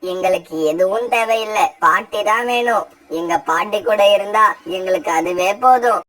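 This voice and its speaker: A woman's voice: mid-range voice, moderate pace, fairly bright tone, far from the mic, close to an everyday voice, poor audio. A woman voicing a stubborn eldest son crow in a cartoon, firm and defiant. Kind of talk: cartoon voice acting.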